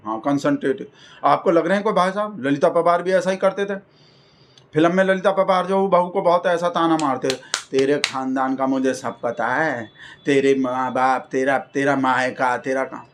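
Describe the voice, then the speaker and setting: A man delivering a rambling, folksy satirical comedy monologue. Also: high-pitched. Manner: folksy, rambling, keeps addressing the listener as brother. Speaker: comic persona host.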